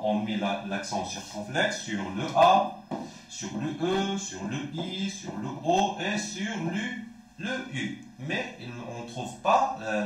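A man's voice: fairly high pitch, a bit bright. A man with a Moroccan accent teaching a primary French lesson, repeating words and asking questions he answers himself. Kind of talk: classroom lesson. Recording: very echoey room.

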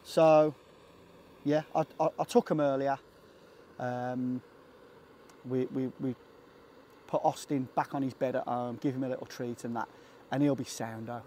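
A man's voice: mid-range voice, fairly even intonation, measured pace, pauses often, warm tone, a little hiss or hum. A man chatting casually to camera on a hike, joking about himself and talking to his dog between thoughts. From England. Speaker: vlogger. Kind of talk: casual vlog chat. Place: outdoors on a hiking trail.

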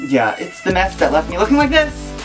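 A man's voice: sits high, huge pitch swings, brisk, over music. A young man hosting a vlog, chatting casually to camera in a small room. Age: young adult. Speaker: vlog host. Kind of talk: casual video intro to camera.

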